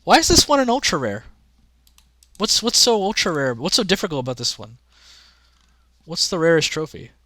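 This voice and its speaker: Young guy streaming, rambly and chatty, bright lively voice, dry close mic. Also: on the high side, moderate pace, pauses often, no echo. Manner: rambling, chatty, talks to chat. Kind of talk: casual livestream chat.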